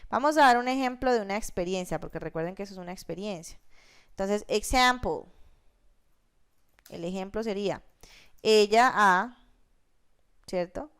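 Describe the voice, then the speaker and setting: Lady teacher walking through grammar rules, keeps checking in, clean smooth voice. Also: mid-range voice, normal speed, long pauses. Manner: explains step by step, frequent check-ins like "¿listo?" and "¿sí?". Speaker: English teacher. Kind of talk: recorded grammar lesson.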